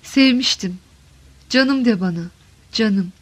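A desperate middle-aged wife pours out her longing in a high, tender voice, read by a woman. She pleads and insists with deep emotion, as in an audiobook of a literary novel. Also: lively intonation, fairly quick. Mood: pleading. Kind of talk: audiobook reading.

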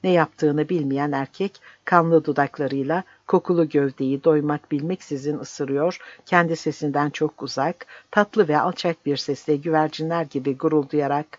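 An audiobook narrator reads a dramatic novel in an intense, measured way at a middle pitch. The recording is dry, with no room sound, and slightly dull. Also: steady tone, no echo.

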